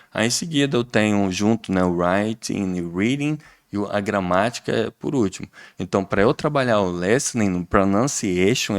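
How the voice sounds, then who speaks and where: A middle-aged man with a Brazilian Portuguese accent, an English teacher guest explaining things in a lively, demonstrative way, often saying "né". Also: lowish voice. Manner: lively, demonstrative, repeats "né", acts out pronunciations. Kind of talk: casual explanatory interview talk.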